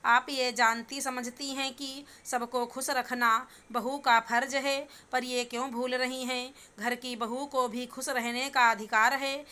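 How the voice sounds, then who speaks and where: A woman voicing a young son-in-law in a storybook reading, making his case in a calm, persuasive way. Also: high-pitched, a little slow, hardly any pauses. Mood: reasoning.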